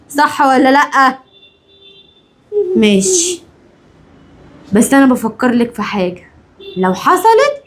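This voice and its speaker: A scheming, cruel daughter-in-law, played by a woman who hisses taunting threats at her helpless mother-in-law. Her voice sits fairly high and sharp in this home-made skit drama.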